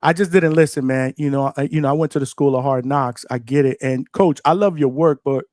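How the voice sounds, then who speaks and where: A man's voice: mid-range voice, a little fast, a little mellow, dry recording, clean studio sound. A man hosting a live call-in show, asking questions in easygoing street talk and often saying "right" and "man.". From Brooklyn, New York. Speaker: host.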